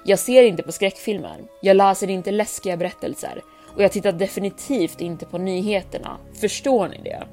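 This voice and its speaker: A woman reading aloud, voicing a frightened young man who is a timid office worker, with panicked outbursts that turn tight and flat. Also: mid-range voice, faint music behind, close to an everyday voice. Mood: tense.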